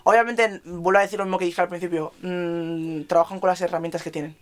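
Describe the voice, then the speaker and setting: A young adult woman with a Spain Spanish accent, chatting casually as a podcast co-host and talking in an expressive, animated way. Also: fairly low pitch. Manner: expressive, animated, drawn-out emphasis and laughter. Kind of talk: casual chat.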